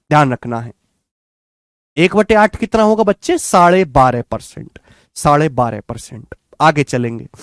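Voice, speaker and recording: High-voiced maths teacher, dry sound. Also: male voice, no echo. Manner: quizzes students, repeats answers, calls them children and friends. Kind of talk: classroom lecture.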